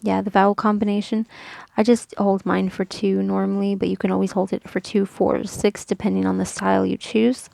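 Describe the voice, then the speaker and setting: A woman explains reading rules in a patient, methodical lesson, pausing with ums and fixing her own slips. Her voice is mellow and a bit gravelly, with little rise and fall. The sound is dry and close, with no room around it. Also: medium pitch, little pitch movement, no echo. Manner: patient, methodical, with frequent ums and self-corrections. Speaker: Quran reading teacher. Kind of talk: casual recorded lesson, explaining rules step by step.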